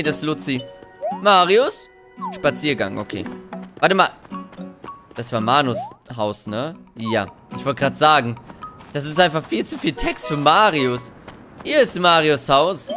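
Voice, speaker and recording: Man, let's play host, chatty and joking, lively fairly high voice, game music behind. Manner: chatty, jokey, talks to viewers. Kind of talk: casual gameplay commentary.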